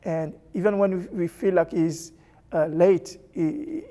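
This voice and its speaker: Young guy from congo, halting church testimony, lots of restarts, warm mellow voice. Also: high voice, sing-song. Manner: hesitant, halting, with many restarts. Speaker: church member sharing testimony. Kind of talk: personal testimony.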